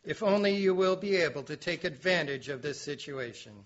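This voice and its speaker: A dramatic male herald, high-voiced, warns humanity with an announcer's flair, as a man acts him out. The audio drama recording is dull and lo-fi. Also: expressive, a little fast, natural voice. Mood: ominous.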